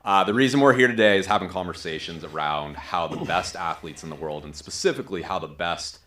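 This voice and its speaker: Deep-voiced man hosting a podcast. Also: a little fast, a bit bright. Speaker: podcast host. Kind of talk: conversational podcast interview. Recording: roomy, echoing sound.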